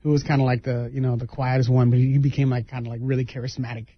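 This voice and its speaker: A man co-hosting a casual movie review chat, talking excitedly with many fillers as he retells scenes. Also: mid-range voice, fast talker, no echo. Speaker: podcast co-host. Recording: dry, slightly dull sound.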